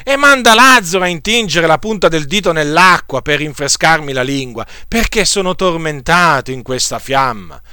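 A man reading out the part of a rich man in torment, pleading in a lowered, quieter voice. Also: lively intonation, normal speed, hardly any pauses, clear, resonant tone, dry recording, studio quality.

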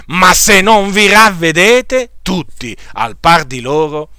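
A man reading the words of Jesus warning of judgment, solemn and slowing for emphasis. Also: high-pitched, sing-song, pushed and bright, smooth, dry recording, clean studio sound, heavily acted. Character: Jesus warning listeners to repent.

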